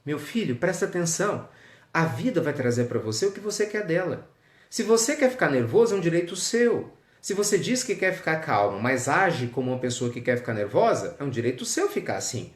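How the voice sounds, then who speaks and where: A man's voice: on the high side, sing-song. A man playing a serene, teasing zen master. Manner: unhurried, gently teasing. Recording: echoey with loud crickets.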